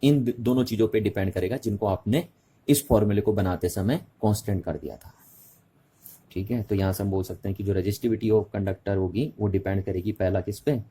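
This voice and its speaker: This man's voice sits on the low side, dark and slightly rough, with a steady tone at normal speed. He teaches physics to a class in Hindi blended with English, going over key terms again and checking that everyone follows.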